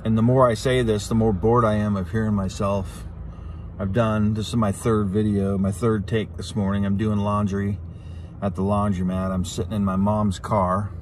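Low-voiced middle-aged man, noisy car recording. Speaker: vlogger, channel host. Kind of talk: casual, candid talk to the camera. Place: inside a parked car. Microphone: phone at arm's length.

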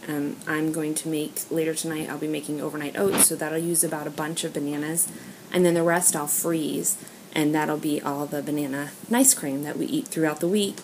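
An American woman with a low voice speaks at a moderate pace with fairly even intonation. She's a home vlogger chatting casually through a haul voice-over, describing items as she films them on a handheld camera or phone. The amateur recording is noisy, with audible clicks.

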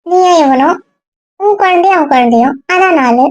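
A woman with a very high voice who scolds and sighs at her relatives in casual family banter. She is recorded close and dry. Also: lively intonation, normal speed, no echo. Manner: scolding and exasperated.

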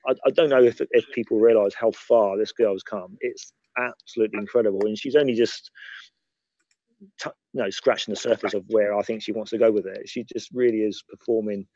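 A man's voice: lowish voice, fairly even intonation, a little fast, a little mellow, no room sound, muffled recording. A man chatting casually as a guest, teasing and joking, often repeating words as he starts. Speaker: convention organiser guest. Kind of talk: casual chat on a call.

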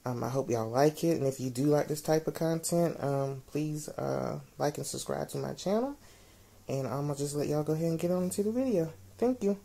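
A woman hosting her cooking channel, chatting casually in relaxed slang, a little stuffy from allergies. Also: low voice, normal speed, creaky. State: congested from allergies. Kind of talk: casual vlog intro.

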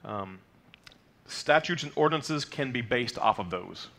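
A man in his thirties with vocal fry and a sharp, medium-pitched voice speaks unhurriedly with lively intonation. Standing at a lectern in a mid-size indoor sanctuary, he teaches the congregation the weekly Torah portion, patiently explaining terms with frequent fillers and "okay?" check-ins; he's not a native Hebrew speaker.

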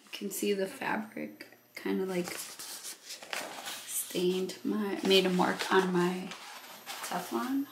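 A woman hosting a craft video, explaining each step in a relaxed, thinking-aloud way and a bit out of breath. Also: medium pitch, slow, long pauses, background noise. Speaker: crafting channel host. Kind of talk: casual how-to narration.

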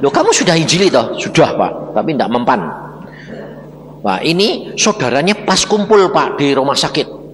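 Man, Javanese-tinged Indonesian accent, storytelling preacher, fairly high voice, long hall reverb. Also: normal speed, a little hiss or hum. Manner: animated storytelling, acts out dialogue, addresses listeners as saudara. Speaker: evangelist preacher. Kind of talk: sermon testimony. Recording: reverberant hall with faint ambience.

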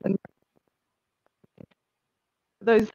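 A woman's voice: mellow, dry recording. A woman interviewing over a video-call headset, giggling and restarting often as her voice cuts in and out. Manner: giggly, halting, many restarts. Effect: breaking-up connection, voice cutting in and out. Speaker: interviewer at a book launch. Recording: dull lo-fi call audio with dropouts.

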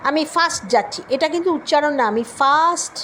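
A woman teaching spoken English in a classroom lesson with a Bengali accent, slowly modeling word pairs. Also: high-pitched, fairly bright tone, slight background noise.

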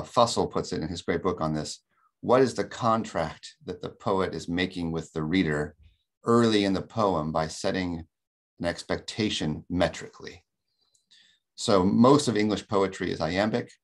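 A man giving an academic lecture in a webinar, explaining in a measured, thoughtful way with frequent ums, heard over a video call. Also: low voice, vocal fry. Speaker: webinar presenter.

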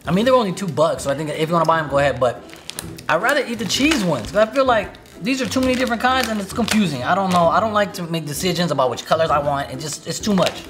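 A young American man hosts casual kitchen banter over background music. His pitch jumps around in a lively way as he rambles and jokes, swearing freely and talking fast. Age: 20s. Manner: joking, rambling, profane. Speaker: YouTube video host. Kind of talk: casual banter, food taste-test commentary. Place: home kitchen, indoors.

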